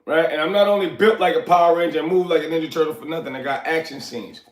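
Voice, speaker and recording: This Liberian livestream host, a man in his forties, talks fast in a fairly high voice from his apartment. He wanders loosely from point to point, replies to chat, and coughs as he gets over a sickness, his words echoing around the room.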